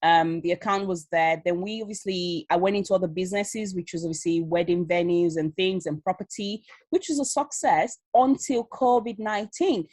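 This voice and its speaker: A thirty-something guest from Leeds who sells on Amazon tells her story in an informal interview held over video call. Her low-leaning voice moves at a moderate pace with hardly any pauses and no echo. Yorkshire and Nigerian notes mix in her accent, and she's lively, full of laughs and fillers.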